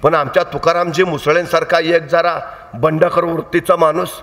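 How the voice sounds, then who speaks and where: A male orator giving a motivational public lecture full of storytelling, dramatic and swinging between hushed and shouted emphasis. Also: fairly high pitch, flat delivery, moderate pace. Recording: echoey hall.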